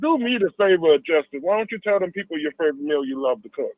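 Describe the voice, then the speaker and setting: A man's voice: fairly high pitch, animated, quick pace, no room sound. A middle-aged man from Detroit with a strong voice, chatting jovially as a caller to a radio show. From Detroit, United States. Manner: jovial, laughs often. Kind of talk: casual radio call-in chat. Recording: dull, band-limited call.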